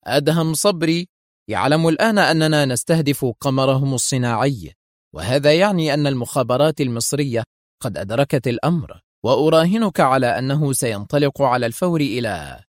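A man's voice: mid-range voice, lively intonation, a little fast, dry recording, clean studio sound, lightly acted. A man voicing a stern, angry male spy agency director who speaks harshly. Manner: harsh, severe delivery.

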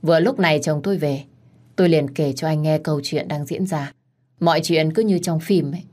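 A woman narrating a dramatic first-person story in an indignant, expressive way. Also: low voice, brisk.

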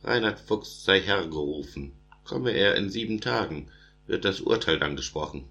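A stag speaking with authority at a storybook animal court, voiced by a man with a very deep voice. He speaks in measured, rhythmic verse. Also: animated, sharp tone, highs cut off, heavily acted. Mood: judicious. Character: male stag, judicious elder of court.

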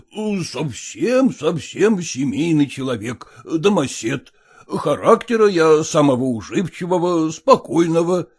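A man putting on a stiff, ceremonious middle-aged suitor who speaks slowly and hesitantly. His voice is mellow and grand, with throat-clearing pauses in a storybook reading. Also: on the high side, big pitch swings, exaggerated voice. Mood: pompous.

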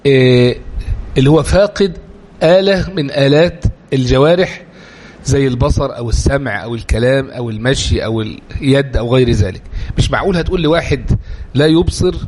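Fast-talking Egyptian religious lecturer. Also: male voice, medium pitch, a little hiss or hum. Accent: Egyptian Arabic. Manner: animated, rhetorical questions, explanatory. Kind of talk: lecture to a live class.

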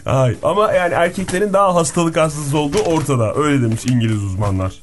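A man's voice: a little high, expressive, fast talker. A man co-hosting a radio morning show, chatting playfully about news stories. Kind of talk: casual studio banter.

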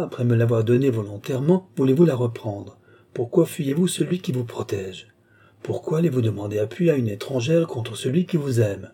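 A calm and commanding male mystic, read by a man narrating the book talks in a measured, quietly menacing way. His voice is dark and husky, at a middle pitch.

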